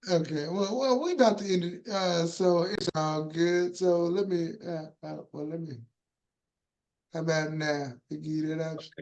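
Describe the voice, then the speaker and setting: A woman's voice: on the low side, steady tone, normal speed, a little mellow, muffled recording. A woman hosting in a casual, slangy, folksy and jocular way. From Texas. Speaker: workshop host. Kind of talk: casual chat.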